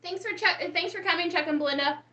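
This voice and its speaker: A woman's voice: extremely high pitch, fast, bright, forceful tone, dull audio. A woman co-hosting a casual live stream, chatting and greeting viewers from the chat. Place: room in a home. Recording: roomy echo.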